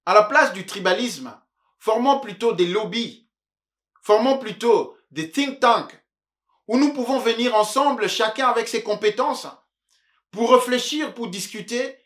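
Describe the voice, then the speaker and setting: A middle-aged man, hosting his own show as a leadership coach in an earnest, measured monologue. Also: high-pitched, a bit bright. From Democratic Republic of the Congo. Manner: measured, preacher-like rhetorical cadence.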